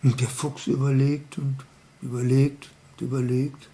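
Slow, gravelly storyteller man. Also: medium pitch, flat delivery, dark tone. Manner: playful, chatty, asks the kids questions. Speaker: children's storyteller. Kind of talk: storytelling to children.

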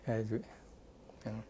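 A man in his sixties who once worked as a rehabilitation counselor looks back on his career in an unhurried, reflective oral history interview. He says "um" and "uh" often. The recording comes from a lapel mic in a dead-sounding studio.

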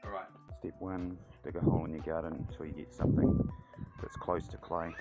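A man's voice: low-pitched, a little fast, muffled recording, loud music behind the voice. Laid-back man with a broad Kiwi accent. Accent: broad New Zealand. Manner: laid-back, dry deadpan humour, slangy. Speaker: home vlogger giving cooking and DIY tips. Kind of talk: casual vlog chat with step-by-step instructions. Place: house rooms, kitchen and garden. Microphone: handheld or propped phone.

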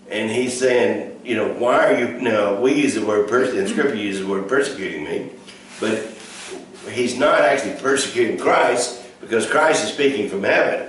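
A man's voice: mid-range voice, expressive, measured pace. A man pastor teaching a Bible study in a folksy, rambling way, full of fillers and restarts. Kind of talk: casual teaching. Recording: echoey room from a distant mic, faint noise.

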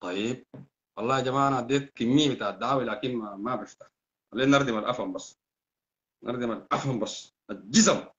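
Fiery fast-talking Sudanese man. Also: mid-range voice, fairly bright tone. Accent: Sudanese Arabic. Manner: fast, heated, insulting, repetitive. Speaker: live-stream host. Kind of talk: heated political live-stream rant. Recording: dull lo-fi sound.

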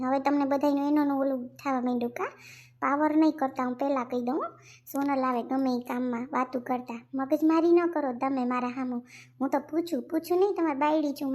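A bossy young wife in a cartoon, played by a woman, nagging. Her voice is high and insistent. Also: darkish tone. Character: sharp-tongued young wife.

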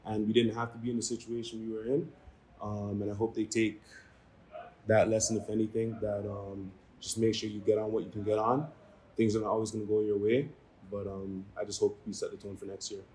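Low, dark-voiced young man. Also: flat delivery, slight background noise, low-quality recording. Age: young adult. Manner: measured, reflective, with frequent ums. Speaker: university football player. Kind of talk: post-game press conference answers. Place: small room before a maroon backdrop.

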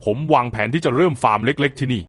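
A man doing a calm, cocky young hero. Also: medium pitch, no echo, natural voice. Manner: calm, unhurried, teasing.

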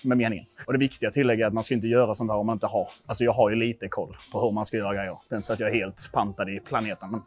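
A Swedish man in his twenties tests his lifts in an indoor gym while chatting casually to vlog viewers, swearing and poking fun at himself. His lowish voice holds a steady tone with few pauses, and music plays in the background.

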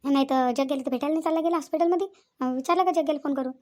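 A very high, thin voice belongs to a frantic young village bride in a cartoon, with a woman putting her on. She pleads and repeats herself, guilty and close to tears. The pitch sits far above an ordinary speaking voice. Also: very fast, darkish tone, natural voice. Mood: worried. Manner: pleading, repetitive wailing. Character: anxious young village daughter-in-law, tearful, guilty. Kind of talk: cartoon voice acting.

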